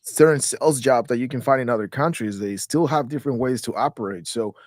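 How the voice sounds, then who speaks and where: A man's voice: medium pitch, a little fast, no echo, clean studio sound. A man in his thirties from Guatemala, a real estate investor, talking casually as an interview guest and often restarting words. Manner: rambling, repeats words when restarting.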